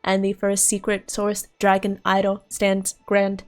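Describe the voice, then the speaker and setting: A woman voicing an overheating, failing ancient robot servant in a game, solemn and halting, as if shutting down. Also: mid-range voice, monotone, natural voice. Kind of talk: reading game dialogue aloud in character. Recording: game music under the voice.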